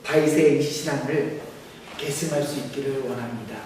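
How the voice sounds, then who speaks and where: A man from Seoul, a pastor, preaching a sermon in a measured, solemn way with rising emphasis. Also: mid-range voice, background noise. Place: church sanctuary. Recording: echoey church hall, mic far off.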